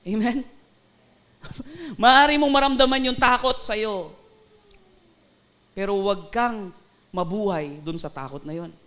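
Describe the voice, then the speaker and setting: A man's voice: high voice, slow, long pauses, a bit bright. A man with a Filipino accent, a pastor preaching a sermon, telling a story and often asking the congregation to answer "Amen?". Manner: storytelling, mixing Tagalog and English, often asks the congregation "Amen?".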